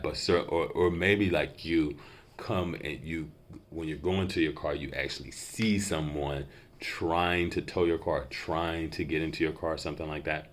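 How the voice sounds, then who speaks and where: A man's voice: very deep voice, a bit bright. A man giving an unscripted intuitive reading as a psychic, feeling out impressions tentatively, piece by piece, like a mentalist. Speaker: psychic reader giving channeled messages.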